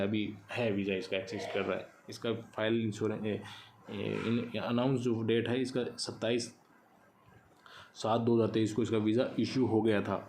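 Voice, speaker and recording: A man walks through an online check, repeating each number as he types it. His voice is dark and mellow, with little rise and fall. A faint hiss sits under the recording. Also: lowish voice. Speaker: tutorial host. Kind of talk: screen-recorded how-to explanation.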